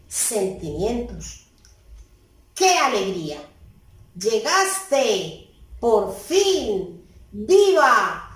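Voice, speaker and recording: A woman teacher giving a grammar lesson, speaking deliberately and repeating key words for emphasis. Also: a little high, far from the mic. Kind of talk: recorded grammar lesson for pupils. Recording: very echoey room, voice off-mic.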